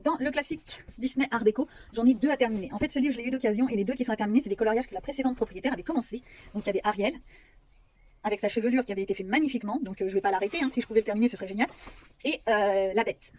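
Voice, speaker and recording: Brief: fast-talking woman vlogger, slightly high voice, chatty and self-deprecating. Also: darkish tone, slight background noise. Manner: chatty, self-mocking, rambling with fillers. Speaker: coloring hobby vlogger. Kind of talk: casual talk showing her books.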